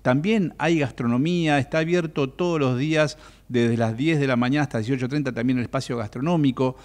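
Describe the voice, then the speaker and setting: A Rioplatense man hosts a radio interview in an average-pitched voice. He speaks in a measured way and often hesitates with an "eh" as he gathers his thoughts. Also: a little mellow. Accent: Rioplatense Spanish. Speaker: radio host.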